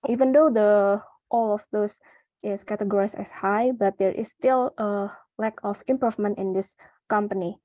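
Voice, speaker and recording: A young Indonesian woman walks through her research slides with an Indonesian accent, halting often and restarting her sentences. Her voice is mellow and soft-edged, recorded dry and close with no room sound. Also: mid-range voice, fairly even intonation, no echo. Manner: halting, with frequent fillers and restarts. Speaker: conference presenter. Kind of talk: reading a research presentation.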